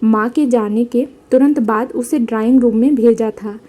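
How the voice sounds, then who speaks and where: A woman's voice: on the high side, moderate pace, close to an everyday voice. A woman voicing a young husband who patiently and teasingly corrects his wife. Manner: gently correcting.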